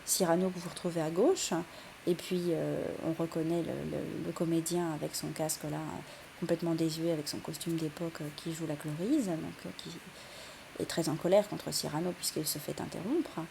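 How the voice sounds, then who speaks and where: Young female teacher, gravelly voice, patient explainer with fillers. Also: low voice, steady tone, normal speed, noisy background. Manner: explanatory, many fillers and restarts. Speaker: French literature teacher. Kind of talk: recorded lesson for students.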